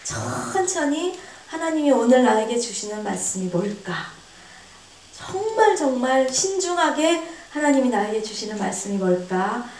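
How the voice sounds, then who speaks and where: Woman, pastor's wife, earnest sermon delivery, fairly high voice, echoey far-off hall sound. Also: sing-song, a little slow, a little mellow, slight background noise. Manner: earnest, acts out quoted voices with big pitch jumps. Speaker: pastor's wife leading a seminar. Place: church hall.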